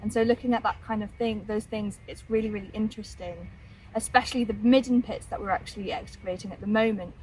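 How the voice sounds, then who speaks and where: A woman's voice: medium pitch, steady tone, fast talker, a little mellow, a little hiss or hum, rough recording. A young woman, a new graduate volunteering at a dig, enthusiastic and repeating words for emphasis. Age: young adult. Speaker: volunteer archaeologist. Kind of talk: explaining the dig to camera. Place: outdoor excavation site.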